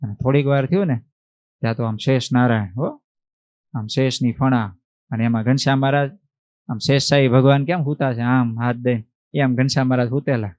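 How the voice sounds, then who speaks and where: A man, a monk telling a devotional story in an animated way, acting out voices and asking the listeners questions. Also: medium pitch, fairly quick, dry recording, muffled recording. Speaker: monk giving a religious discourse.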